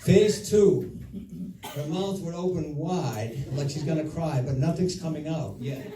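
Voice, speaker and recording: Middle-aged male, slightly high voice, father of the bride speech with comic storytelling, echoey room with audience. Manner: storytelling with deliberate pauses and repeated phrases. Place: reception room before an audience. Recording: echoey room, distant mic, audience noise. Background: audience laughter and crowd noise.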